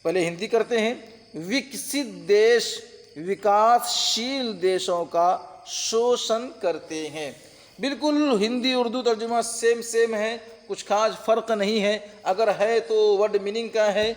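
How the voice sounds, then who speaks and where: An Urdu-Hindi translation teacher with a high-sitting voice speaks at a measured pace, a long reverb tail trailing his words. He runs an online exam-prep lesson on translation, patiently repeating terms and checking that listeners follow.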